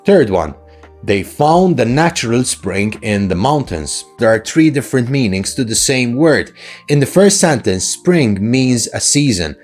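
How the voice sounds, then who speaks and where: Male English lecturer, animated intonation, conversational teaching style, rhetorical questions, medium pitch, light background music. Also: measured pace. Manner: rhetorical questions with frequent "right?" tags. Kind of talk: instructional lesson to camera, conversational.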